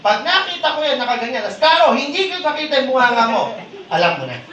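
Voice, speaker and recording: A man's voice: extremely high pitch, sing-song, fast talker, pushed and bright, a little hiss or hum. A man leading a live training seminar, teasing and quizzing his audience in call-and-response. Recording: echoey hall, distant mic, audience murmur.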